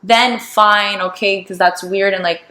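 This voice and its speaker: A young woman co-hosts a podcast in casual conversation, speaking bluntly, swearing freely and acting out quoted dialogue. Her medium-pitched voice is pushed and bright, with fairly even intonation and a measured pace. The recording has a roomy echo.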